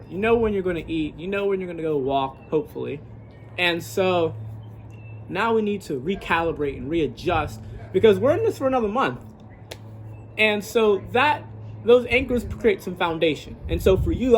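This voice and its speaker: A man's voice: high-pitched, slight background noise. A man who works as a coach, thinking aloud in a casual, reflective, rambling vlog monologue outdoors. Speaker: fitness coach and gym owner vlogger.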